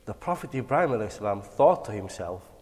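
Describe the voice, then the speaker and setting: A man telling religious bedtime stories to children like a kids' show host, animated and encouraging. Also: lowish voice, quick pace. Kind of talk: dramatic bedtime religious storytelling. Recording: long hall-like reverb.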